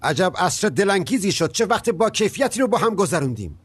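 A man playing a weary father who tries to calm his wife and daughter, in dubbed film dialogue. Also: medium pitch. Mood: sarcastic. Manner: placating, soothing.

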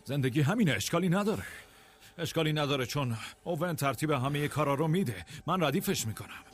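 A man dubbing a rancher who holds his family together, shouting at times and soothing at others. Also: fairly high pitch, lively intonation. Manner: shouting in search, then softly soothing. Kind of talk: film dubbing.

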